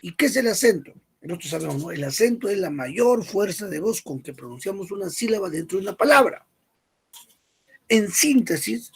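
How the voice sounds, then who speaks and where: A male teacher giving a grammar lesson, repeating key points and checking understanding with quick questions. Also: high-pitched, husky. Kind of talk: spoken language lesson.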